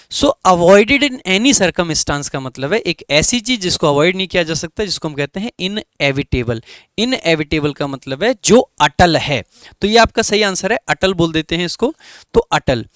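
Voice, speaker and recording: Indian guy teaching english online, high voice, super dry close mic, walks thru every option. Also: a bit bright, no echo. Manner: explains each option step by step and often checks in with "ठीक है". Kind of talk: online exam-prep lesson.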